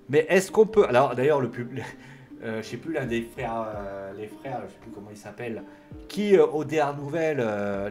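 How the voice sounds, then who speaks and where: French guy reviewing wrestling, somewhat high voice, lively rambling delivery, faint music underneath. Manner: animated, rambling with frequent fillers and restarts. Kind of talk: casual solo commentary.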